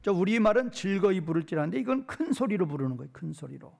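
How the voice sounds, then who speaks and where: A male pastor giving an expository Bible lecture, posing questions to his hearers and answering them himself, reading verses slowly. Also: sits high, sing-song, vocal fry, darkish tone. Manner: reads verses slowly and drawn out.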